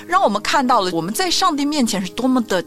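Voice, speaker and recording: Brief: middle-aged woman, co-host of a faith talk show, lively storyteller, soft music bed behind. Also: high voice, quick pace. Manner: animated storytelling, acts out quoted voices.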